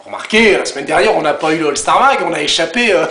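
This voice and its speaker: A man's voice: on the high side, animated, fast talker, pushed and bright, reverberant, a little hiss or hum. A man doing a comic recap rant as host, mocking and scornful.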